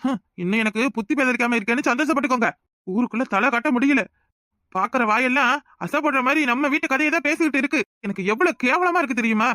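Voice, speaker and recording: Rasu, a man voicing a fast, sharp village son. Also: extremely high pitch, no room sound, clean studio sound. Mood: exasperated. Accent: Kanyakumari Tamil. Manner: curt, exasperated, scolding. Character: irritable young village man Rasu, defensive. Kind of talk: cartoon voice acting.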